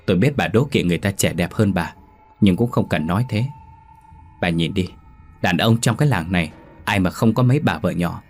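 A man's voice: sits low, fairly quick, faint music behind. A man voicing an irritable older village husband in a spoken ghost story, with brusque, scolding lines. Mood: irritated.

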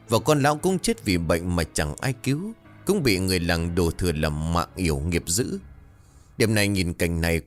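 A man narrating a scripted horror story in a dramatic, expressive way. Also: lowish voice.

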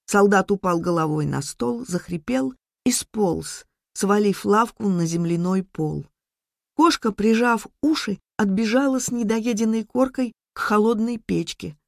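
A woman narrating a story in a measured, steady way. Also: medium pitch, creaky, no room sound, studio quality. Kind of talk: scripted narration.

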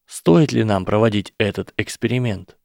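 A man voicing an earnest boy wizard who explains things in a measured, persuasive way. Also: lowish voice, lively intonation, gravelly, darkish tone, no echo, studio quality. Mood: reasoning. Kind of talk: audiobook character voice.

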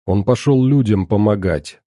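A man voicing a young mother who speaks softly and gently to her daughter. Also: fairly low pitch, moderate pace, no echo, studio quality, close to an everyday voice. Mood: gentle.

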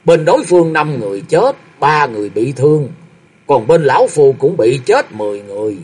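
A storyteller putting on a stern old martial arts master, half-paralysed and past fifty, who speaks gravely and sighs heavily. His husky voice swings widely in pitch as he gives orders in a storybook tale. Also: sing-song, brisk, a little mellow. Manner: grave, commanding, sighing.

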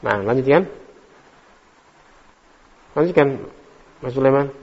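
A man's voice: mid-range voice, takes it slowly. A man teaching an Arabic language class, calling on students by name, quizzing them on words and correcting their reading. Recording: echoey hall, dull lo-fi recording.

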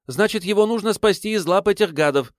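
A man's voice: high voice, brisk, dry recording, clean studio sound, pitched above the performer's own voice, close to an everyday voice. A man voicing a commanding young woman with a rifle in an audiobook. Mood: insistent. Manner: barking orders.

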